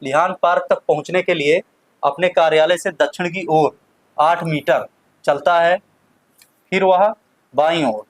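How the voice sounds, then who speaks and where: A man's voice: a little high, unhurried, long pauses, dry recording, low-quality recording. Man teaching exam questions, dry sound. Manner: explanatory, repeats key words. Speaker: maths teacher. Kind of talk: exam question walkthrough lesson.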